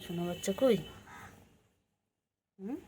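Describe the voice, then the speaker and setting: A woman vlogger talking sing-song baby talk to her cat on a rooftop, repeating pet words and dropping to soft murmurs. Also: mid-range voice, takes it slowly, slight background noise. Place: rooftop outdoors.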